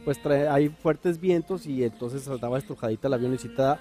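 A man's voice: medium pitch, a little fast, warm tone, faint music behind. A man co-hosting a live morning TV show, joking playfully and reading viewer messages aloud, with a Northern Mexican accent. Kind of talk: lively morning TV chat. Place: TV studio.

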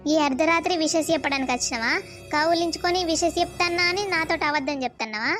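A woman's voice: high voice, a bit bright, soft background music. A woman voicing an angry middle-aged village mother who scolds her daughter. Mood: scolding. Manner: scolding, reproachful, rapid. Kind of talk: cartoon voice acting.

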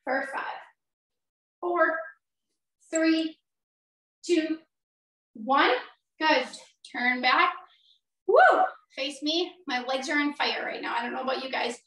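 A middle-aged woman works as an aerobics instructor, giving energetic cues and counts as she exercises along. Her voice is high and bright, with unhurried, spaced-out phrasing. She is teaching a workout from a small room. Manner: energetic aerobics-instructor cueing, exerting while demonstrating. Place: small indoor home gym. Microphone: far camera a few metres away. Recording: roomy echo, distant microphone.

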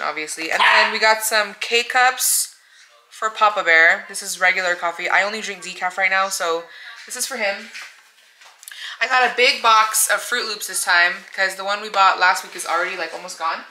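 An American woman talks casually to her viewers, thinking aloud with plenty of fillers and a tired edge. Household noise runs clearly behind her voice. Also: medium pitch, normal speed, sharp tone, poor audio. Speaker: vlogger. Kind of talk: casual chat.

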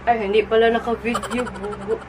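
A woman's voice: fairly high pitch, fast talker, background noise. A woman with a Filipino accent, gushing through a casual unboxing vlog in her bedroom and mixing English with Tagalog. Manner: gushing, excitable exclamations. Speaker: vlogger.

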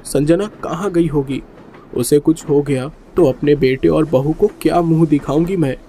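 Scared stammery old granny, a guy doing her, mellow voice. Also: fairly high pitch, unhurried, a little hiss or hum. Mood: frightened pleading. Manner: stammering, frightened. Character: frightened elderly grandmother, anxious and stammering.

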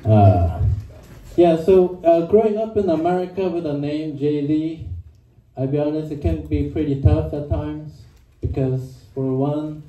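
A man's voice: a little high, measured pace, dark tone. A young man from Korea doing a stand-up set on a small club stage with a handheld mic, hesitant and full of ums, recorded from the audience. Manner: hesitant, lots of ums and uhs. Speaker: stand-up comedian. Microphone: handheld mic, filmed from the audience. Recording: muffled, distant, echoey club from the crowd. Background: audience laughter and room ambience.

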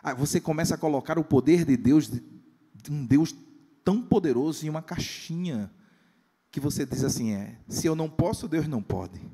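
A man's voice: on the high side, lively intonation, normal speed, mellow, slightly rough. A pastor, preaching a humorous sermon in a church and acting out the people in his stories. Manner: storytelling, acts out quoted voices. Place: church sanctuary. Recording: long church hall reverb.

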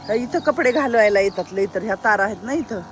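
A woman caretaker at an old-age home, calming the residents in casual talk. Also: medium pitch, fast talker, a crowd in the background. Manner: soothing, calms residents.

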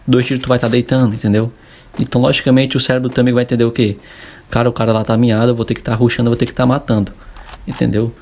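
A man's voice: medium pitch, flat delivery, fast, a little mellow. A young Brazilian man coaching gamers in a casual advice vlog, chatty and full of tag questions. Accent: Brazilian Portuguese. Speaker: gaming coach.

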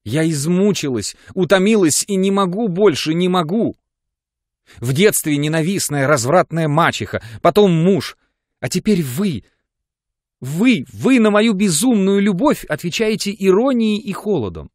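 Man voicing a high sobbing distraught woman. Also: lively intonation, unhurried, dry recording, clean studio sound. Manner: sobbing, pleading, overwrought. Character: desperate, tearful woman lover, pleading.

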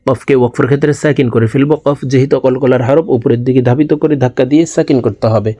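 A man with a Bangladeshi Bengali accent teaching Quran recitation word by word, drawing out the recited words and then explaining the rules more briskly. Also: mid-range voice, fairly even intonation, mellow, no room sound, studio quality. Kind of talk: slow recitation lesson.

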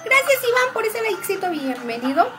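A woman's voice: very high voice, very animated, fairly quick, background noise. A young woman chatting casually on a live stream, upbeat and greeting and thanking viewers by name. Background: music.

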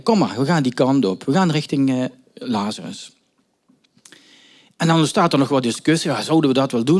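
A man gives a story-driven sermon, and his voice sits a little higher than most men's. He retells the scene with emphatic questions and small hesitations as he reflects on it. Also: a little mellow. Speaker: preacher.

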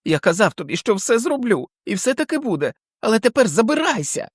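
A man voicing a terrified, hysterical old man who pleads in shrill outbursts in an audiobook. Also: big pitch swings, brisk, slightly rough, dry recording, studio quality, heavily acted. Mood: frantic. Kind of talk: audiobook character voice.

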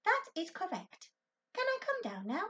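A woman's voice: very high voice, huge pitch swings, normal speed, fairly bright tone, far from the mic, highs cut off, pitched above the performer's own voice, heavily acted. A woman reading aloud, voicing a small, polite furry alien creature who speaks formally and carefully. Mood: puzzled. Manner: formal, careful speech without contractions.

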